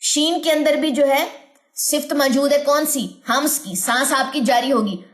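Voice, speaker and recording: Woman, tajweed teacher, high voice, step-by-step explanations, slow sounded-out letters. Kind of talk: online tajweed lesson.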